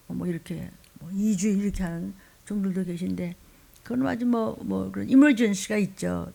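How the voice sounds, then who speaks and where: A woman's voice: medium pitch, creaky, darkish tone. A woman pastor preaching a sermon, scolding and pleading, often dropping into a whisper.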